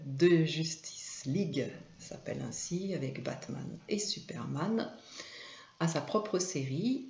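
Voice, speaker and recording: A woman hosting her own video, explaining at an unhurried pace and pausing often on filler sounds. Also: low-pitched, vocal fry, dark tone, echoey room, muffled recording. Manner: hesitant, many filler sounds. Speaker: video host and image consultant. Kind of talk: informal talk to camera.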